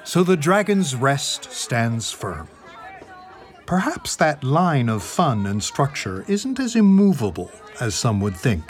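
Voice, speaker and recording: A man narrating a scripted story in a measured, theatrical way, over a music bed. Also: mid-range voice, very animated.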